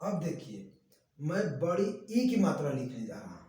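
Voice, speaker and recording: A man teaching children to read, drawing out his words in a slow, sing-song way and answering his own questions in the voice of a pupil. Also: a little high, very animated, mellow. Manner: slow, drawn-out sing-song teaching voice, speaks both sides of a pupil dialogue. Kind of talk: Hindi reading lesson for children. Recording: echoey room, voice from a distance.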